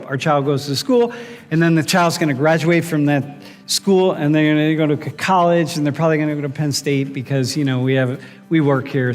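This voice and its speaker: A man lecturing as a professor, quizzing students directly and often restarting his sentences. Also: a little high. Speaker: university professor. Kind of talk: classroom lecture. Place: large lecture hall. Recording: reverberant lecture hall with background music.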